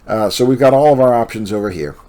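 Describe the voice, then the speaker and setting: A man hosting a casual walkthrough of building a tabletop army list, rambling with many pauses and self-corrections, and sounding tired. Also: mid-range voice, mellow. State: yawning, tired. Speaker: host.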